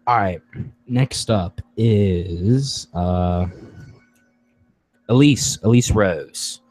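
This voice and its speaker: Young male host, very deep, bossy and brisk, dry close sound. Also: a little mellow, no room sound, faint music behind, low-quality recording. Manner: brisk, bossy, calling on others by name. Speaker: host running a cast assessment. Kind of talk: casual group call chat.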